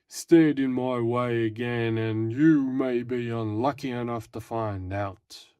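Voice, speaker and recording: A stern, calm masked hero with a quiet threat in his words, as a man reads him out. The delivery is slow and deliberate, in a dry room, and stays close to the reader's own voice. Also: medium pitch, clear, resonant tone, no echo, natural voice. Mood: menacing.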